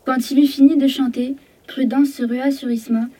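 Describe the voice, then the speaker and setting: A woman's voice: high-pitched, fairly even intonation, normal speed, warm tone, breathy edge, distant mic, faint music behind. A woman narrating a children's story expressively.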